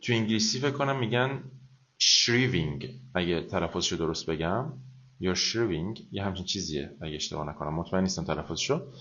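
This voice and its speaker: A man teaching a live online vocabulary lesson, chatting in Persian and slowly repeating phrases for pronunciation practice. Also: low-pitched, lively intonation, bright, forceful tone, lo-fi sound. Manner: slow, careful pronunciation drills, repeating each phrase; explains in conversational Persian, mixing French and English phrases. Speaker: French teacher.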